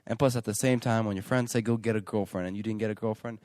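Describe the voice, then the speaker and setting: A young man of nineteen, co-hosting a relationship podcast in loose casual chat. His voice sits a little low and sounds close and dry. He rambles and jokes, piling on fillers and restarting his sentences. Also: fairly even intonation, racing, a little mellow, dry recording. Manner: rambling, joking, lots of "like" and restarts. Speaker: podcast co-host.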